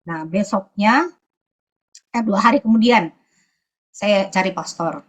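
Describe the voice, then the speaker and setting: A woman from Sulawesi giving a personal testimony at church, often pausing to search for her words. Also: mid-range voice.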